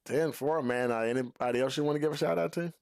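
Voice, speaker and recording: A man's voice: medium pitch, creaky, a little mellow, clean tone, dry recording. A man hosting a sim racing broadcast, talking in a folksy way full of fillers as he reads out results. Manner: folksy, many "uh" fillers, drawn-out phrasing. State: out of breath. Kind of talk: post-race interviews and results.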